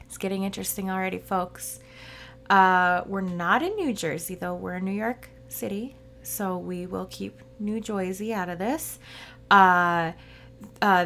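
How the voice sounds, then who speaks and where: A woman's voice: mid-range voice, a bit bright. Woman doing a casual story podcast, takes her time, kinda sweary and informal. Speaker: podcast host.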